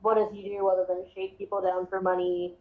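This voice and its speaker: A woman's voice: medium pitch, monotone, brisk, faint music behind. Woman player over a tinny line. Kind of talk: casual questions at a tabletop game.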